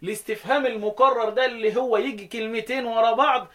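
A man with an Egyptian accent teaching a Quran recitation lesson, quizzing his students and chanting verse lines slowly before explaining them. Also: extremely high pitch, fairly even intonation, bright, forceful tone.

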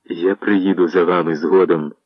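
Male reader as earnest young warrior, low and husky; dull recording. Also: steady tone, normal speed, dry recording. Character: young returning warrior son.

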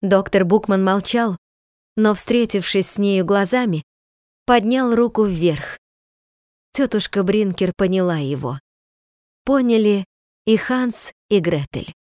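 A woman narrating a storybook in a calm, measured reading voice. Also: mid-range voice, no echo, studio quality. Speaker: audiobook narrator. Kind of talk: scripted narration.

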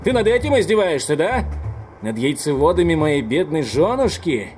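A man's voice: on the high side, big pitch swings, moderate pace, a little mellow, faint music behind, pitched above the performer's own voice. A man voicing an indignant, blustering male train conductor in an audiobook.

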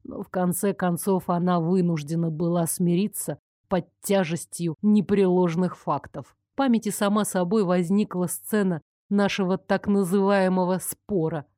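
A woman reading a first-person fantasy audiobook in an even, measured way, recorded at home on a close mic. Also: on the low side, dry recording. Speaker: audiobook narrator.

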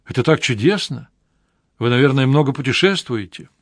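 A man's voice: mid-range voice, lively intonation, normal speed, no echo, studio quality. A man reading an audiobook, voicing a sweet, eager young woman student with a wide-eyed manner.

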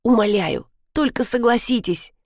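A woman's voice: fairly high pitch, animated, moderate pace, dry recording, clean studio sound, lightly acted. A woman voicing a flustered young female event organizer who chatters shrilly and pleads, in an audiobook reading. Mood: pleading.

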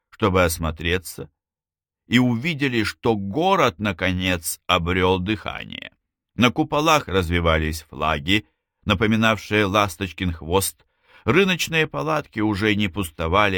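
A man reading a novel aloud as an audiobook narrator, in an expressive storytelling manner. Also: deep voice, normal speed, no echo, clean studio sound. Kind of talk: scripted narration.

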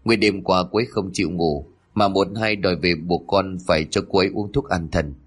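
A man voicing a devoted young husband who speaks gently and pleads, in a storybook reading. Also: low voice, steady tone, a little fast, slightly rough. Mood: gentle.

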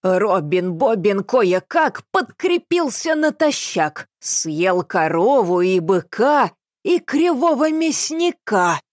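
A squeaky, childlike old lady. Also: very animated, slow pace, dry recording, studio quality. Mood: sing-song. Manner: whimpering, sing-song. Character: frightened elderly woman speaking in a childish squeaky voice.

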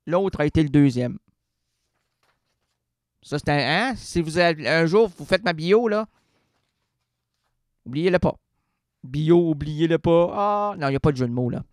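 Rambling, playful radio host. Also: male voice, fairly high pitch, expressive, moderate pace, pauses often, dry recording, clean studio sound. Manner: rambling, self-interrupting, jokey with sudden singing and word play. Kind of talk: playful radio monologue with poetry reading. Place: radio studio.

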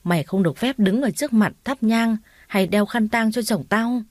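A woman's voice: on the high side, moderate pace, dry recording, clean studio sound, natural voice. A woman voicing a spiteful, grieving older mother-in-law who wails and screeches accusations. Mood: screeching.

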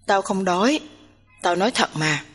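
A woman's voice: medium pitch, animated, moderate pace, breathy edge. A woman voicing a tired, reluctant young woman who answers curtly in a storybook reading. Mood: weary. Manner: tired, curt, sighing. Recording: long hall reverb.

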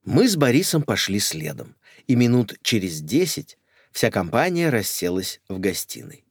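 A man's voice: fairly low pitch, sing-song, normal speed, slightly rough, no room sound. A man narrating with dry irony. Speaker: audiobook narrator. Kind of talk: ironic first-person audiobook narration.

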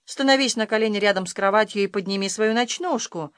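A reader voicing a stern, threatening father who speaks low and quietly in a storybook. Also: fast, clean tone, no room sound, close to an everyday voice. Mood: menacing. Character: stern menacing father, adult man.

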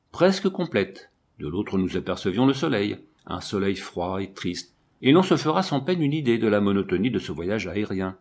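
A man reading a first-person novel aloud as an audiobook narrator, in an expressive storytelling way. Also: on the low side.

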